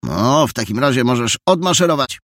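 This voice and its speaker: A man voicing a brisk, self-assured boy detective who lectures his friends. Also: medium pitch, very animated, fairly bright tone, no room sound, studio quality, voice pushed up. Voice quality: bossy, lecturing.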